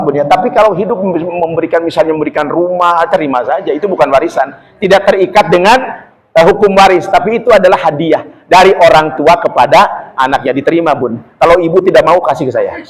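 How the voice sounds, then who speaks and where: A man's voice: on the high side, rough recording. A man giving a chatty religious lecture, addressing his listeners directly and reciting Arabic verses. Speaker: Islamic preacher.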